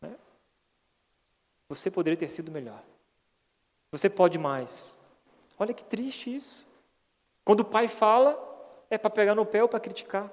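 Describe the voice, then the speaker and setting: In a long-reverb church hall, a pastor with a Brazilian Portuguese accent gives a conversational sermon in an earnest, folksy manner, repeatedly asking if listeners agree. His voice is high with a darkish tone.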